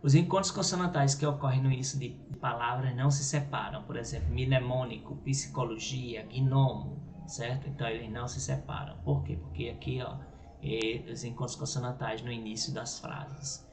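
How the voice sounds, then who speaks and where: A man's voice: medium pitch, fairly even intonation, normal speed. A Brazilian man teaching a grammar lesson, explaining step by step and checking in with "right?" and "ok?". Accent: Brazilian Portuguese. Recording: echoey room with faint noise.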